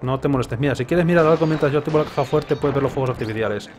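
A man's voice: medium pitch, very fast, slight background noise. A man in his thirties with a Spain accent, giving casual, sarcastic, rambling commentary as he plays a game. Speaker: video game streamer. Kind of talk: casual live gameplay commentary. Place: indoors, streaming setup. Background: game music and effects.

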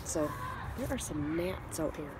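A woman in her thirties, a family vlogger stuffed up with a cold, chats casually on an outdoor deck into a handheld camera held at arm's length. She rambles with many ums and restarts, in a low voice with lively intonation at a slightly slow pace. Heavy background noise is present.

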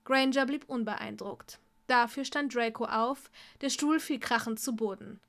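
A woman reading fan fiction aloud in a steady storytelling voice. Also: fairly high pitch, unhurried, creaky. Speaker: story reader.

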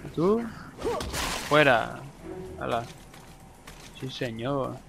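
A young man from Spain with a Spanish accent, casually commentating his gameplay, swearing often and breaking into excited exclamations. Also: mid-range voice, very slow, vocal fry, background noise. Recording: game music behind voice.

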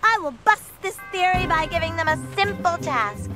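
Francine Carruthers, a smug high-voiced cartoon host. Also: female voice, animated, moderate pace. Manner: boastful, mocking. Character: vain scheming female TV host. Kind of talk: cartoon voice acting. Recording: music playing under the voice.

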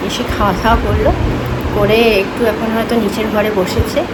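A woman's voice: mid-range voice, little pitch movement, a little fast, heavy background noise. A woman, chatting casually through a home vlog, rambling with many fillers. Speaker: vlogger.

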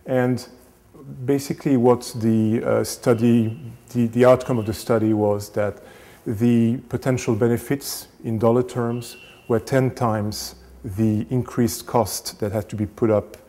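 A man in his thirties, a renovation specialist, giving a casual lecture to camera on a lapel mic, halting with many fillers and restarts. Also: mid-range voice, mellow. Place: small indoor studio set.

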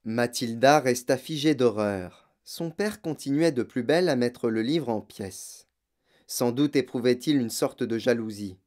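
A man reading a children's novel aloud as an audiobook, in measured, expressive narration. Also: medium pitch. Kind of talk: scripted narration.

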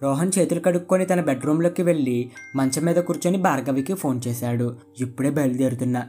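A storyteller giving scripted story narration in a steady read-aloud delivery. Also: medium pitch, fast, soft background music.

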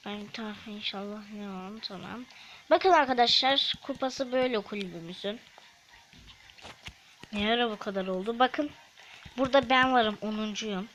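A woman's voice: medium pitch, fairly bright tone, poor audio. A woman hosting a gaming channel, commentating her play in a chatty manner and snapping at opponents. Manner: chatty, quick to snap at opponents. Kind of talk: game commentary. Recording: faint background noise.

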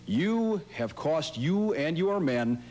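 A man's voice: fairly high pitch, very animated, takes it slowly, darkish tone. Stern male official in a wrestling promo. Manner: stern, scolding, formal. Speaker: broadcast crew and rules committee official. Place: small curtained interview set indoors. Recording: noisy old videotape with hum.

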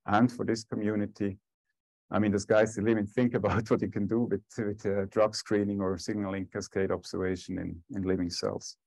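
A man's voice: fairly low pitch, little pitch movement, fairly quick, creaky, a little mellow, no room sound. A man giving a technical talk and answering questions as a scientist at a conference. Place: conference lecture room.

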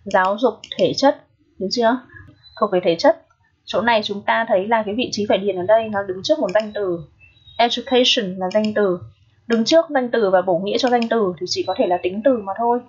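A woman's voice: mid-range voice, brisk, darkish tone, husky, lo-fi sound. A woman English teacher, patiently walking students through an exam review and checking in with frequent rhetorical questions.

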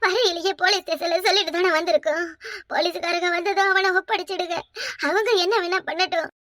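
A woman's voice: very high-pitched, steady tone, brisk, fairly bright tone, no echo, clean studio sound. Woman voicing a wailing cartoon mother in grief. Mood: grieving. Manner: wailing, pleading lament. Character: grieving older village mother who lost her son. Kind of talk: cartoon family drama voice acting.

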